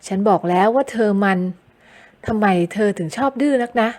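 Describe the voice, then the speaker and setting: A brusque young man in an audio novel, short-tempered and quick to scold, as a woman narrator puts him on. His lines come as blunt, impatient questions. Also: mid-range voice, darkish tone, close to an everyday voice. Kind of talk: audiobook character voice.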